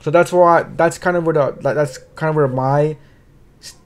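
A man's voice: on the high side, steady tone, moderate pace. A man giving casual gaming commentary, rambling and restarting words while he thinks, peppering his talk with swearing and tag questions. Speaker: game commentary creator.

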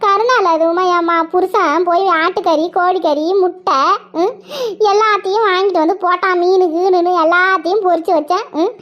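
Brief: woman playing a cartoon wife, lamenting in a sing-song wail, shrill and high, dull lo-fi sound. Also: steady tone, normal speed. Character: nagged married village woman wailing about in-laws. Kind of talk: cartoon voice acting. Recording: muffled lo-fi recording.

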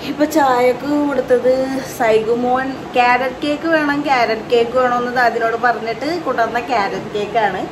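A woman's voice: on the high side, fairly even intonation, fairly quick, background noise. A woman with a Malayali accent chatting casually in a home vlog, coaxing a sleepy crying child in a sing-song way. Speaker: vlogger. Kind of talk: casual family vlog chat. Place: home in rainy evening.

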